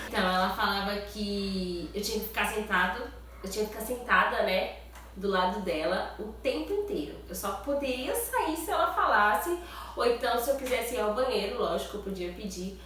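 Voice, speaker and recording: A Brazilian woman vlogger with a Brazilian Portuguese accent chats casually to camera, her medium-pitched, fairly bright voice nasal and stuffy from a cold. She keeps adding little tag questions for her viewers. The room is very echoey, she's far from the mic, and there's slight background noise.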